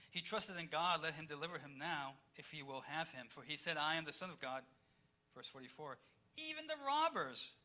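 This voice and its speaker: Pastor, male, from Chile, sermon delivery that shifts between loud and hushed, bright tone. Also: a little high. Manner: reads scripture aloud then explains it, swings between loud and hushed.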